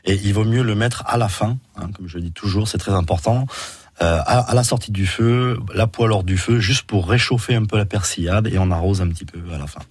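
A chef explains his cooking on live radio in a low, husky voice. He is relaxed and casual, hesitates often and laughs as he talks. The sound is close and dry. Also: brisk, dry recording.

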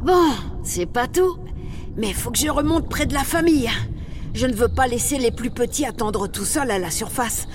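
A woman's voice: a little high, normal speed, background noise, close to an everyday voice. A woman playing a bold, protective young female sperm whale in a nature story, talking colloquially and feistily. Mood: content, cheerful. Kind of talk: acted nature story dialogue.

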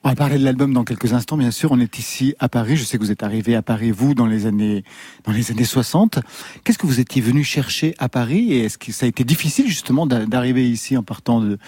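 A man hosting a radio music show, asking brisk, attentive questions. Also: medium pitch, dark tone, slightly rough, dry recording. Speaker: radio host. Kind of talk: radio interview.

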